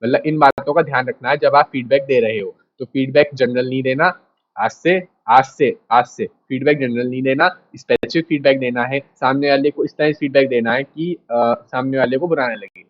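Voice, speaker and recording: A man's voice: mid-range voice, normal speed, highs cut off. A man teaching a class in a casual, direct way, repeating his points and talking straight to the students. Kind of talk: casual lecture.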